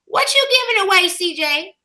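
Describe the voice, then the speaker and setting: A woman's voice: very high-pitched, very animated, fairly quick, bright, forceful tone, voice pushed up, heavily acted. A woman host voicing a folksy older church mother who reads announcements and calls everyone baby. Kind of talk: live stream chat.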